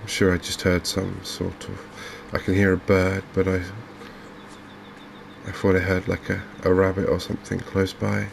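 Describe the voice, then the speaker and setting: The speaker, a gaming video host from England, offers quiet ASMR narration of a game. Low and gravelly at the edges, his voice holds an extremely even line as he speaks unhurriedly, a little uncertainly, in a gently musing way. Faint noise from open windows and fans lingers behind.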